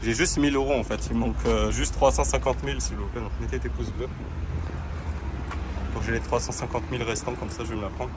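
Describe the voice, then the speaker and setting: A coach and nutritionist vlogs while riding a kick scooter through city parks and streets, speaking fast at medium pitch with fairly even intonation. He chats straight to camera with plenty of fillers and asides, sounding strained from the effort. Noisy street sound and outdoor city ambience fill the recording.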